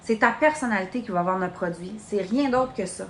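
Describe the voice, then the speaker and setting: In a live training broadcast on social media, a woman in her late twenties with a Québécois accent coaches her sales team, chatty and direct, and speaks to the listener as "tu." Her mid-range voice runs a little fast. There's room echo plus a bit of hiss or hum.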